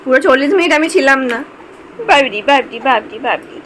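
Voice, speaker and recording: A chatty woman vlogging from home, talking to her viewers as friends. Her voice sits a little high, with clear background noise under it from a phone recording. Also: animated, fairly quick, fairly bright tone, rough recording. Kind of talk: casual home vlog narration.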